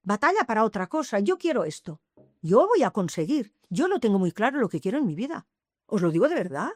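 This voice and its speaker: In a dry recording, an octogenarian woman recounts her life in an interview, her medium voice swinging widely in pitch at a brisk clip. Emotional and emphatic, she keeps repeating phrases and swears to those listening.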